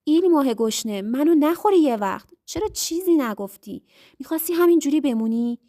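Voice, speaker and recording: A woman's voice: on the high side, a little mellow, natural voice. A woman voicing a cocky, teasing young husband in a told story. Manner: teasing, mocking.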